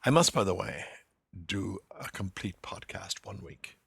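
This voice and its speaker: A man hosting a literary lecture podcast in an animated way, with bursts of loud acted quotation. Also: deep voice, a little slow, vocal fry, slightly rough, no room sound. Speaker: podcast host.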